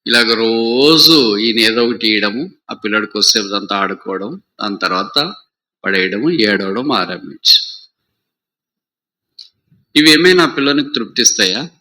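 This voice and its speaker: A man's voice: on the low side, animated, moderate pace, long pauses, bright, forceful tone. A man preaching a sermon with a Rayalaseema Telugu accent, telling a parable in a conversational way and asking the listeners questions. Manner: conversational storytelling, asks the audience questions.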